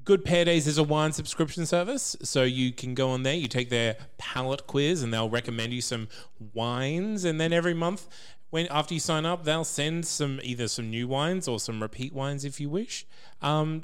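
A man hosting a casual podcast, jokey and brisk through sponsor reads. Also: fairly high pitch, clean tone. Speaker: podcast host.

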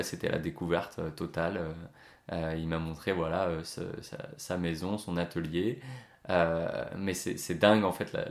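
Man, podcast host, very low voice, halting speech full of fillers. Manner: hesitant, many filler sounds. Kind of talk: casual storytelling and interviewing.

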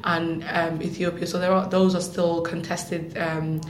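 A woman from Somaliland speaks as an interview guest, explaining things in a steady, fairly flat voice with frequent pauses and fillers. Her voice sounds roomy and echoey, with a faint rumble underneath. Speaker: guest, social activist.

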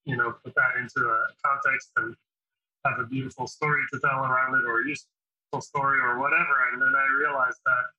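A drummer hosting an interview chats casually, spinning long anecdotes packed with fillers. His mid-range voice is bright and forceful, fairly quick, with little pitch movement. The recording sounds dull and lo-fi.

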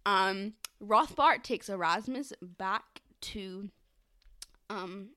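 A woman co-hosting a podcast in casual chat, quick and rambling with many fillers. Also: medium pitch, pushed and bright. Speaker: podcast co-host.

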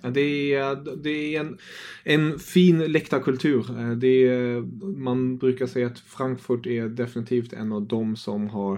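A man's voice: medium pitch, flat delivery, darkish tone. A man from Germany, a guest on a football podcast, talking casually and hesitantly with many fillers.

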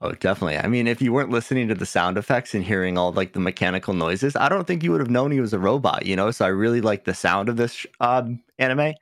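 A man's voice: lowish voice, expressive, fast, few pauses, no room sound, studio quality. A man co-hosting a podcast in casual chat, laughing often and swearing casually. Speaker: podcast co-host.

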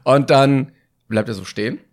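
A man's voice: mid-range voice, normal speed. A man co-hosting a podcast, telling a comic story in casual talk and acting out the dialogue in different voices. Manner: animated, acts out dialogue with shifting voices. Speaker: podcast co-host.

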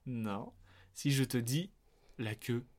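A man's voice: medium pitch, slow pace. A man hosting a casual movie quiz podcast, teasing and joking with his co-host. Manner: teasing, jokey, lively swings in tone. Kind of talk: playful casual chat.

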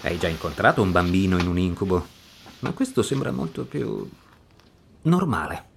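An actor playing a doctor who gently and patiently questions a child about her nightmares in an audio drama. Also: low voice, animated, moderate pace, gravelly, slight background noise. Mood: gentle. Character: Otto, a gentle male doctor guiding a child.

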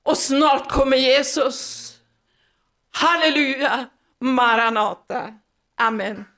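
A woman's voice: high-pitched, fairly even intonation, fairly bright tone. A woman giving a fervent, sermon-like testimony at a church meeting, emphatic and breaking into laughter between phrases.

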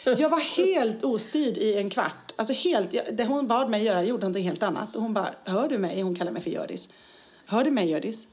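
A woman's voice: a little high, lively intonation, few pauses. A woman co-hosting a casual chat show, telling anecdotes, acting out quotes and laughing often, tired after a busy week. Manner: chatty storyteller, acts out quotes, laughs often. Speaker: podcast co-host.

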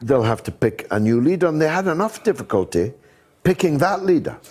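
A man's voice: fairly high pitch, very animated, a little fast, darkish tone. A man hosting a radio phone-in, blunt and emphatic, trading quips with callers. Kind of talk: opinionated talk radio.

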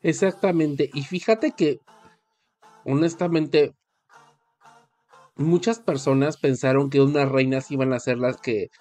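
A man's voice: mid-range voice, measured pace, pauses often, warm tone, faint music behind. A man, co-hosting a podcast and trading gossip in emphatic casual chat. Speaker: podcast co-host.

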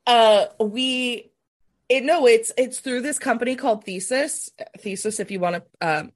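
A woman in her thirties hosting a podcast in casual chat, talking in a chatty, self-mocking way with quick asides, wired on caffeine. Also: on the high side. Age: 30s. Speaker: podcast host.

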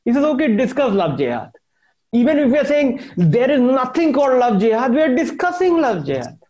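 A man with a North Indian accent speaks in a high-set voice with a mellow, relaxed tone. He answers conversationally, as in an interview. He stresses points by repeating phrases and mixes Hindi into his English. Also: a little fast, rough recording. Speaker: interviewed journalist and author.

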